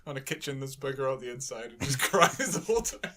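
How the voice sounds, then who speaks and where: A man's voice: medium pitch, animated, fast, a bit bright. A man co-hosting a podcast in crude, mocking banter, laughing constantly between lines. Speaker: podcast co-host.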